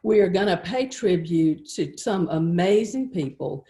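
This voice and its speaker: A woman's voice: fairly low pitch, expressive, unhurried. A middle-aged woman, emceeing a virtual gala and telling stories in a folksy way with some fillers. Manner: warm, folksy storytelling with filler words. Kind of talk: speaking to the camera at a virtual gala.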